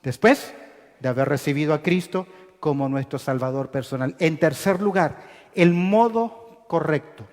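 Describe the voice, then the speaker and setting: A male pastor with a notably high voice preaches in an emphatic, teaching way. He keeps pausing on rhetorical questions for the congregation to finish. His voice rings through a church hall with a long reverb tail. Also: a little mellow. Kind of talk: sermon. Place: church sanctuary with baptistery.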